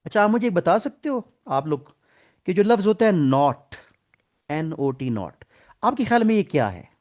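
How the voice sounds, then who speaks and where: A man's voice: sits high, big pitch swings, measured pace, darkish tone. A middle-aged man with a Pakistani Urdu accent, lecturing an online English class, patiently explaining grammar and asking the students questions. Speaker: English teacher.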